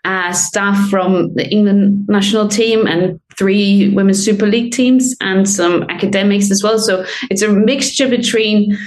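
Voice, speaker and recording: A woman answers interview questions as a sports medicine lecturer. Her voice has a middle pitch. She explains at length in a conversational way, with frequent fillers. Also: fairly even intonation, measured pace, hardly any pauses, a little mellow. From Denmark.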